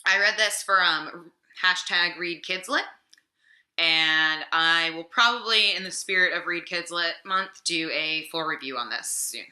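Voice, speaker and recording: Bright and forceful, her voice is on the low side and a little slow. This young woman book vlogger sounds slightly sick while chatting casually about her weekly reads, full of fillers, with echo from the room at home.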